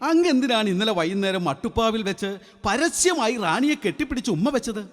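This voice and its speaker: A man's voice: high voice, very animated, fast. A man playing a bumbling court minister in a live stage comedy skit, speaking in mock-formal courtly tones and tripping over his words. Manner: slips of the tongue, mock-formal courtly speech. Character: bumbling male minister of a king. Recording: hall reverb from a stage.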